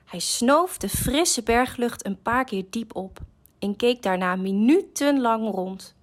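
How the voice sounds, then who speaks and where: A woman reading a children's story aloud, slow, gentle and expressive. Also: a little high.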